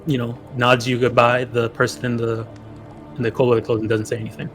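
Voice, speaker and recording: A man narrating a tabletop role-playing game as game master, improvising haltingly and searching for words. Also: medium pitch, flat delivery, fairly bright tone, soft background music.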